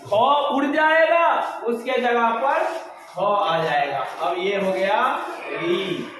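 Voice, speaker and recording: A man teaching a Hindi grammar lesson at a board, slowly, asking the class questions and answering them himself. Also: high voice. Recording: very echoey room with clear background noise.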